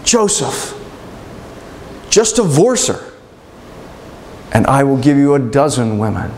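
A man's voice: mid-range voice, very animated, slow, darkish tone, slight background noise. Male storyteller as a tempting dream voice, coaxing and persuasive.

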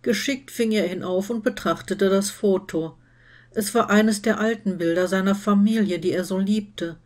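A woman reading fan fiction aloud in steady, scripted storytelling narration. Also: medium pitch, moderate pace. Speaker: reader.

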